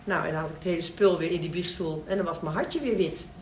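Animated woman telling stories in an echoey room. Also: fairly low pitch, quick pace, distant mic. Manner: animated storytelling, acting out the people in her stories. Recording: echoey room, speaker away from mic, faint noise.

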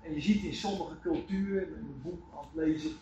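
A man preaching a sermon, telling Bible stories with lively acted quotes. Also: a little high, a little fast, vocal fry, noisy background. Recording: echoey room, voice from far off.

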